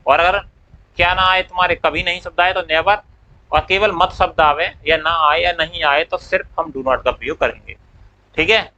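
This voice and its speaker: A man's voice: sits high, pushed and bright, muffled recording. A man teaching English grammar in a classroom lecture. He asks questions, answers them himself, and draws out the English words as he dictates them.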